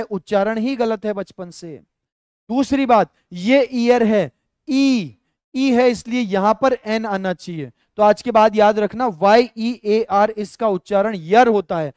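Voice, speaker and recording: A man's voice: sits high, a little mellow, smooth, no room sound, studio quality. A male teacher with a Rajasthani Hindi accent, explaining grammar step by step in a live online lesson and talking to viewers as friends.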